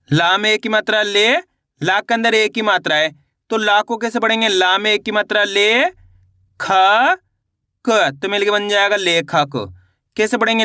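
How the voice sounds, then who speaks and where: Bright, crisp-voiced male teacher. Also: sits high, no room sound, clean studio sound. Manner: slow, patient syllable-by-syllable spelling with repeated questions to viewers. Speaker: Hindi reading teacher. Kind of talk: online reading lesson.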